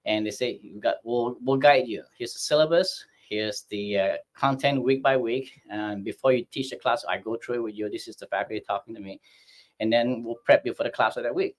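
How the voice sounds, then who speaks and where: A man's voice: medium pitch, fairly quick. A middle-aged man from Malaysia, a hospitality school dean, telling his career story in a chatty, self-deprecating way. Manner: chatty, self-deprecating, acts out quoted voices. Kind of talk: storytelling interview answer.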